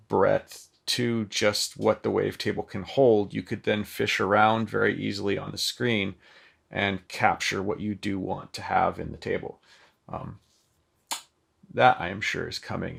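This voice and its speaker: The man's lowish voice is gravelly yet fairly bright, with a breathy edge. He's demoing a synth in a loose, chatty manner, saying um a lot, with the microphone plugged directly into the synth.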